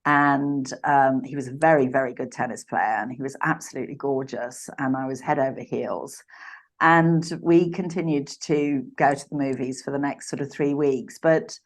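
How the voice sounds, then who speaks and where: Woman in her 60s, really low voice, thoughtful podcast guest, lots of restarts and ums. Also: steady tone. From Uganda. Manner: reflective, halting, with frequent restarts and fillers. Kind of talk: personal storytelling in a podcast interview.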